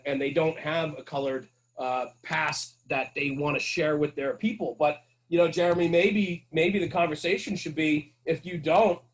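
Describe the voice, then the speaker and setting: This podcast guest has a voice on the high side, captured in a rough recording. He swaps stories about firehouse culture conversationally, earnest and emphatic, with frequent rhetorical check-ins.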